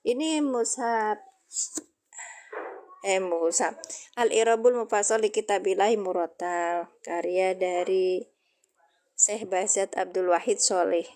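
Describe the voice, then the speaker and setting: Woman teaching Arabic grammar on a livestream; slow, chatty, mid-pitched. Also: a little mellow. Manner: slow, chatty, answers viewer comments. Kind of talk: casual livestream lesson.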